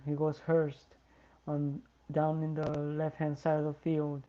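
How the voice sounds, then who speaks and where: A drowsy fan commentator calls the match for a live watch-along, speaking slowly in a flat, even tone. The audio is a little dull and lo-fi. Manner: tired, yawning, slow and low-key. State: sleepy.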